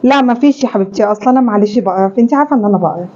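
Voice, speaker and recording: A woman's voice: mid-range voice, racing, mellow, dull audio, lightly acted. An Egyptian woman playing a rude, defiant young daughter-in-law who answers with blunt, dismissive retorts in a homemade family sketch. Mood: defiant, scornful. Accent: Egyptian Arabic.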